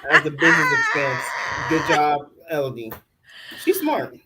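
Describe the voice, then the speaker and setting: A man's voice: a little high, wildly swooping pitch, normal speed, very noisy. A man in his forties co-hosting a reality-show recap, laid-back with wry jokes and lots of "like". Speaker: podcast co-host reviewing a reality show. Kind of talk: casual commentary chat.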